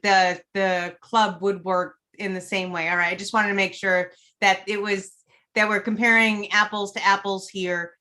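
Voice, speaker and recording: A woman speaking as a council member in a city council meeting, talking in a conversational way with quick joking asides. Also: mid-range voice, sharp tone.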